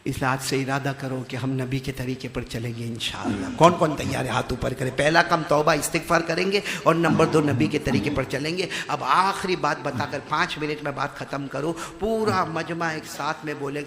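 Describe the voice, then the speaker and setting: A man preaching a sermon to a gathering, passionate, swinging between loud chanting and calm talk and calling on the crowd to answer back. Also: a little high, long reverb tail.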